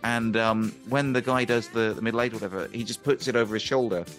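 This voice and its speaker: Male guest, mid-pitch, relaxed rambling anecdotes, quick to laugh. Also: faint music behind. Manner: rambling, chatty, laughs often. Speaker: guest musician and ukulele teacher. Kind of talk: casual storytelling.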